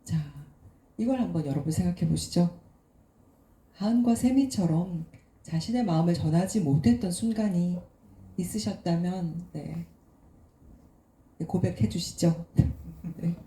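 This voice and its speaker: A woman moderates a post-screening talk in a brisk, friendly way. Her voice is fairly low and very mellow. It echoes around an event hall. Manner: brisk, friendly, laughs lightly between questions.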